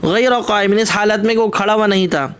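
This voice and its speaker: A man with a notably high voice teaches a religious text in a patient lesson. He reads a short phrase of the original, then explains it piece by piece. He often asks a question aloud and answers it himself. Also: fairly bright tone, smooth. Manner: repeats and rephrases points for emphasis.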